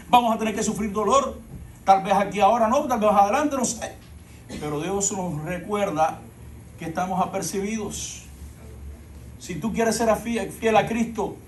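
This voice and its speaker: Brief: male pastor, very high voice, sermon in a roomy church, loud then hushed. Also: recorded from a distance, slight background noise. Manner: swings between loud emphasis and hushed, slow passages.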